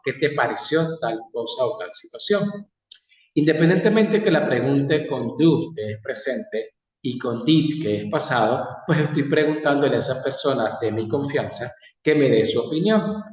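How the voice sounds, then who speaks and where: A man teaching an English class in Spanish, saying model phrases slowly and repeating each one for students to copy. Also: mid-range voice, expressive. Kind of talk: classroom lesson. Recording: echoey hall, far from mic.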